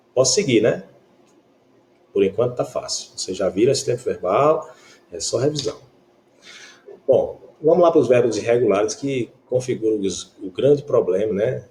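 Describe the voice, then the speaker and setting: A man's voice: lowish voice, warm tone, a little hiss or hum. A man teaching an English grammar lesson in Portuguese with a Brazilian accent, explaining patiently and often checking that students follow.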